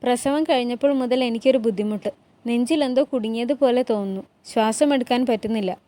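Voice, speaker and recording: A woman's voice: a little high, brisk, dark tone, close to an everyday voice. A woman voicing an anxious young concubine. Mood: troubled.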